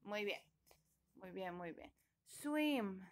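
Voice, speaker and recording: A woman's voice: mid-range voice, slow, gravelly, fairly bright tone. A woman teaching an online class, patiently prompting her students and coaxing them to answer. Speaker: English teacher.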